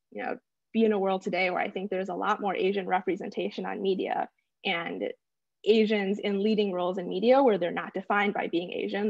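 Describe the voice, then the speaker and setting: A young woman speaking as a panel guest, thoughtful and measured, with some filler words. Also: medium pitch, gravelly, a little mellow, dry recording, muffled recording. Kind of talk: reflective panel discussion.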